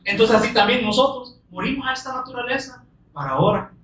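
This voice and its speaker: A man with a notably high voice delivers an earnest sermon, full of rhetorical questions and scripture read slowly for weight. He sounds set back from the microphone, and the room around him rings with echo. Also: expressive, fairly bright tone. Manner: earnest, many rhetorical questions, slow emphatic scripture quotes. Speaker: preacher. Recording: roomy echo, distant mic.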